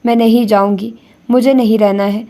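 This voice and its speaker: A woman's voice: fairly high pitch, fairly even intonation, dark tone, close to an everyday voice. A woman reading the lines of a desperate young wife who pleads in tears. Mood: pleading. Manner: pleading, tearful.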